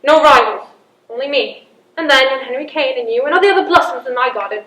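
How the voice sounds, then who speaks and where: Actress as a high-voiced, cunning older queen. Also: fast, a bit bright. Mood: wistful, bitter. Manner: grand, wry, manipulative. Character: proud, cunning older imprisoned queen and mother. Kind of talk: theatrical period drama monologue and dialogue. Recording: echoey room, audible background noise.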